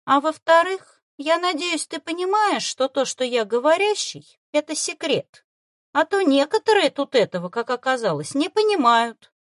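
A sardonic male arctic fox familiar grumbles and scolds, as a woman narrator puts him on. His voice sits high and bounces with lively pitch. The close, dry audiobook recording has no room sound. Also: normal speed, no room sound. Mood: grumbling. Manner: huffy, condescending, scolding.

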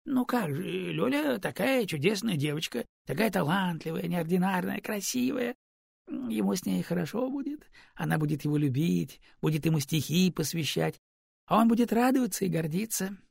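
A man voicing a fussy, book-loving raven in an audiobook, with a high, whiny, pleading manner and a husky voice. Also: expressive, moderate pace, dry recording, clean studio sound, exaggerated voice. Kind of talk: audiobook character voice.

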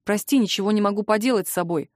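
A woman voicing a clingy young man who keeps pleading, spoken lower and more subdued than her narration. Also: fast, a little mellow, no room sound, clean studio sound, close to an everyday voice.

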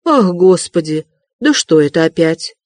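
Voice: medium pitch, sing-song, a little slow, darkish tone, dry recording, clean studio sound. A reader voicing a fussy, ingratiating middle-aged male investigator in an audiobook, wheedling and chuckling. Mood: alarmed, hushed. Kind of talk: audiobook character reading.

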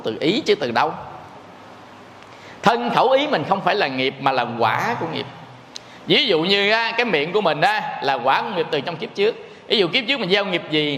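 A man's voice: sits high, fairly bright tone, echoey room, in a large hall. A man, a Buddhist monk, giving a folksy, joking dharma talk to his listeners.

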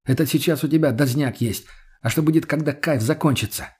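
A man's voice: fairly high pitch, a little fast, a little mellow, slightly rough, voice pushed up. A man voicing a hardened young man who talks bluntly and gives orders. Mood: hard. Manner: blunt, commanding.

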